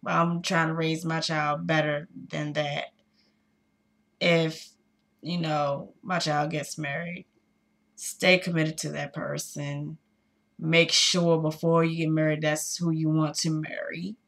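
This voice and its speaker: A woman in her thirties speaking candidly to her viewers in a personal vlog, pausing often with fillers. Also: deep voice, flat delivery, creaky, a bit bright. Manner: halting, with many pauses and fillers; candid, addressing viewers directly. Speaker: vlogger.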